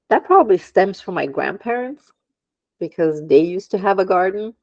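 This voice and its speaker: A woman's voice: medium pitch, expressive, a little slow, darkish tone, no room sound, lo-fi sound. A woman from Germany, an aromatherapist talking as a podcast guest, hesitant with many ums and frequent laughs. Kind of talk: casual interview chat.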